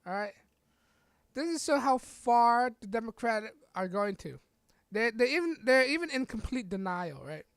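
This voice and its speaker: A woman hosting a podcast, reading an article aloud in halting, stumbling bursts and breaking off for heated, scornful asides. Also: on the high side, animated, dry recording. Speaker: podcast host.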